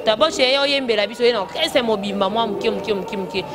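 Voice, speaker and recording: A woman with a Congolese French accent in quick, emphatic casual chat, asking many questions. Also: mid-range voice. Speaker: fan discussing rumba music. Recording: loud music playing behind.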